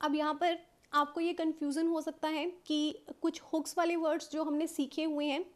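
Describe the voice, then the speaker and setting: Indian lady shorthand teacher, high voice, patient, keeps saying okay. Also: little pitch movement. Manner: patient explaining, frequent "okay" checks, mixes English terms into Hindi; slows right down to dictate English rule lines. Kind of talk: step-by-step shorthand lesson.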